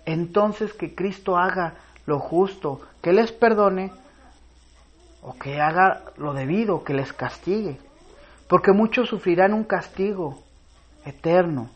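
A man preaching a sermon in an earnest voice, reading scripture aloud with pauses and swelling to loud, emphatic stress. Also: sits high, slightly rough, highs cut off. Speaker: pastor.

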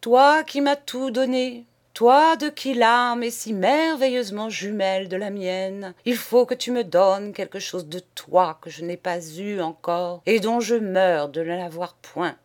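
A woman's voice: mid-range voice, measured pace, hardly any pauses, pitched above the performer's own voice, close to an everyday voice. A woman reading an impassioned pleading poet. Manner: fervent, pleading, declamatory.

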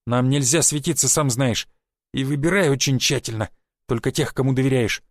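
A man's voice: medium pitch, moderate pace, dry recording, studio quality, lightly acted. A man voicing an angry, cursing male secret police chief who scolds his agent in an audiobook. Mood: stern. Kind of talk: audiobook character voice.

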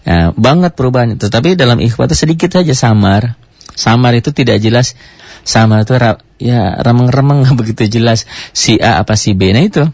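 A man teaching a recitation lesson, explaining step by step and slowing down to demonstrate examples. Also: mid-range voice, darkish tone, slightly rough, dry recording, dull audio. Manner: explains step by step with many "gitu" tags, slows to recite examples.

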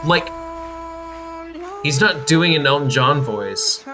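A man's voice: on the high side, animated, slow, music in the background. A man co-hosting a podcast in casual chat, blunt and mocking as he reacts to clips. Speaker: podcast co-host.

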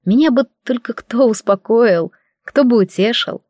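A woman narrating a first-person audiobook in a lively, wry, conversational way. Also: fairly high pitch, measured pace, no echo, clean studio sound.

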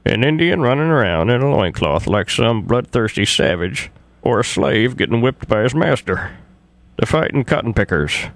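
Creaky, deadpan indignant chief played by a man. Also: medium pitch, dry recording. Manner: halting, deadpan, sweary. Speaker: prank caller. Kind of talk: deadpan prank phone call.

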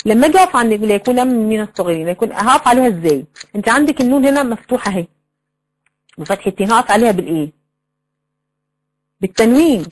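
A woman's voice: medium pitch, darkish tone, a little hiss or hum, rough recording. Egyptian woman teaching Quran recitation. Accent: Egyptian Arabic. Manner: explanatory, quizzing students, drawn-out recited examples. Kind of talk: online tajweed lesson.

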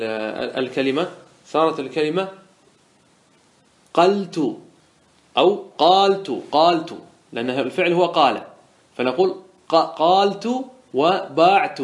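A man's voice: fairly high pitch, reverberant. A man teaching Arabic morphology as a sheikh, patiently explaining step by step and answering his own questions. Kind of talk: classroom lesson.

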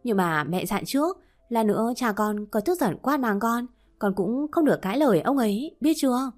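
A woman voicing an anxious middle-aged mother who gently coaxes her family. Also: a little high, expressive, normal speed, soft background music, lightly acted. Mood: reluctant.

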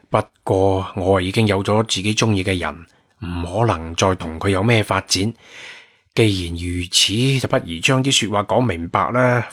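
A man narrating a first-person adventure novel in a measured, wry storytelling manner. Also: low-pitched, fairly bright tone.

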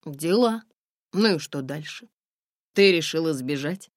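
A woman reading a gruff but caring man, a driver who lectures the girl. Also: low-pitched, animated, measured pace, no echo, studio quality.

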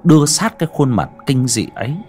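A man narrating a horror story in a dramatic, expressive storytelling manner. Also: mid-range voice, brisk, faint music behind.

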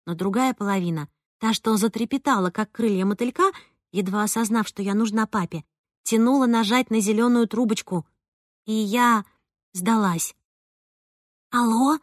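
A woman narrating a first-person novel with a lively, expressive reading. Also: a little high, no room sound, clean studio sound. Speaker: audiobook narrator.

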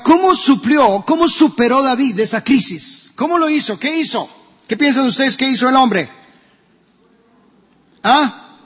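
Pastor preaching in an echoey hall. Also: male voice, very high voice, husky. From Colombia. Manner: preaching with rhetorical questions to the congregation. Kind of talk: sermon. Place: church hall. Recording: dull, echoey church recording.

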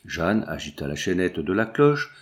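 A man reading a classic novel aloud as a narrator, steady and measured. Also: low-pitched. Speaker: audiobook reader.

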